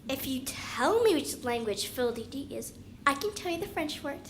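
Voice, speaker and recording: A woman's voice: high-pitched, animated, moderate pace, a little hiss or hum. A woman playing a polite, earnest, plucky girl who is puzzled by the world around her, in children's musical theatre.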